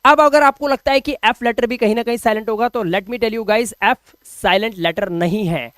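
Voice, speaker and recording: A man's voice: high voice, normal speed, a bit bright, smooth, no room sound. A man giving an online video lesson on English pronunciation, explaining patiently in Hindi and dropping in English phrases. He keeps repeating each word and asking rhetorical questions to drill the point.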